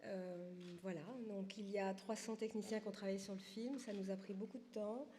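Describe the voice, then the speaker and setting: A woman's mid-pitched voice carries through a reverberant hall with slight noise behind it. She introduces a screening informally, as someone involved in the production. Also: steady tone, fairly quick, warm tone. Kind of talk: informal presentation to an audience. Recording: echoey hall, faint noise.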